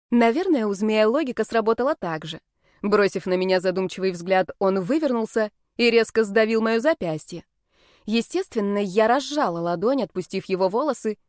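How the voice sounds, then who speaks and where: A woman narrating a story in first person, mid-pitched and lively in her telling. The sound is dry and close, with no room behind her. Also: dry recording. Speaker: audiobook reader. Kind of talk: scripted narration.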